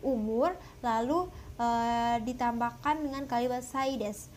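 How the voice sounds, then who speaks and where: A young woman from West Java explaining a language lesson, often pausing with filler sounds. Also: fairly high pitch, a little mellow, a little hiss or hum. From West Java, Indonesia. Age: young adult. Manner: hesitant, many filler sounds. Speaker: language teacher.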